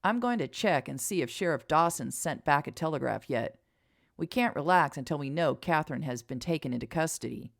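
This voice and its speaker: A woman voicing a wry, loyal young deputy who talks briskly in a storybook reading. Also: low voice, lively intonation, vocal fry, dry recording, studio quality, exaggerated voice.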